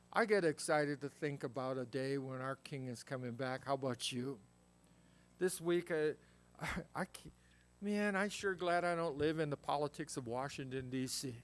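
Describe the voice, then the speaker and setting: A male pastor giving a verse-by-verse Bible teaching in a conversational, folksy way, reading scripture aloud and then explaining it. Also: on the high side.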